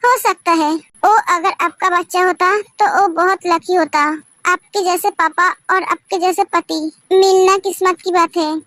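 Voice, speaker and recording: A woman reading the part of a shy, anxious young wife in an amateur storytelling video, softly and pleadingly. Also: very high voice, fairly even intonation, measured pace, dry recording. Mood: gentle. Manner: soft, timid, pleading. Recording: dry close mic with soft background music.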